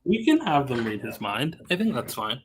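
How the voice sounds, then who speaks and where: A man's voice: mid-range voice, very animated, normal speed, slight background noise. A man in a casual group podcast chat, looking things up while he talks.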